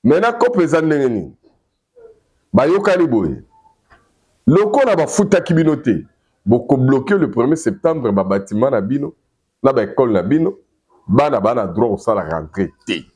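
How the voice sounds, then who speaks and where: A man with a Congolese accent giving animated political news commentary, emphatic and repeating his key phrases for weight. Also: mid-range voice, moderate pace, pauses often, slightly rough. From Democratic Republic of the Congo. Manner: emphatic, repeats key phrases, mixes two languages freely.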